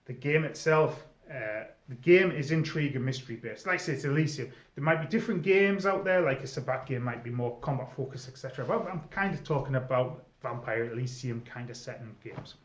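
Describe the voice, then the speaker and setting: A middle-aged man speaks a little fast and animatedly with few pauses, medium-pitched, over slight background noise. The presenter, once a game storyteller, offers newcomers informal advice in a video monologue. The room is echoey and the sound slightly dull.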